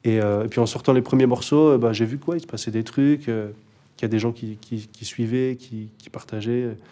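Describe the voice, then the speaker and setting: The guest is a young rapper chatting casually in an interview, with a warm, medium-pitched voice and a fairly quick pace. Laid-back and hesitant, he uses many fillers and restarts.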